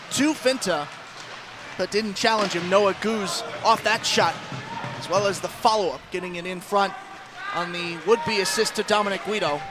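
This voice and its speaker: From the rink during a live hockey game, a high-pitched American announcer gives descriptive radio play-by-play of the action. Music blares loudly behind him, adding background noise.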